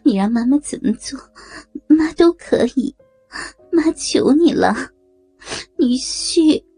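A woman's voice: a little high, takes it slowly, warm tone, husky, dry recording, soft background music, low-quality recording. A woman voicing a meek middle-aged mother-in-law in an audio story, who begs and stammers in a tearful, submissive way. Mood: tearful pleading. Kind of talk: erotic audio story acting.

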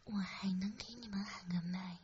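A woman's voice: medium pitch, steady tone, normal speed, lo-fi sound, background noise. A young woman hosting a late-night live stream, whispering close to the mic, teasing and chatting with listeners. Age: young adult. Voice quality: soft whispering. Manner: teasing, playful, reads comments. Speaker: radio streamer host.

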